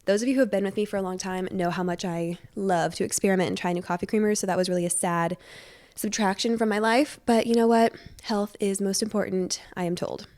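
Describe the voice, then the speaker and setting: A woman's voice: mid-range voice, fairly even intonation, fairly quick, darkish tone. A woman hosting a casual solo podcast from her living room, sounding congested, chatting in a bubbly, rambling, self-deprecating way. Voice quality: stuffy, congested nose. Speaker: podcast host. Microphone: wired podcast microphone.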